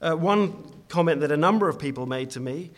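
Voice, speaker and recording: A man's voice: on the high side, fairly quick. A man preaching a sermon in a church, earnest and emphatic, often restarting his phrases as he exhorts the congregation.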